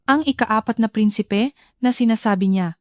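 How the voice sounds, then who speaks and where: A noble lady at court passes cool, disapproving judgment in a smooth, clear voice, voiced by a woman. Her pitch sits slightly high. The recording is dry and close. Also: moderate pace, darkish tone, dry recording, close to an everyday voice. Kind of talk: dubbed period drama.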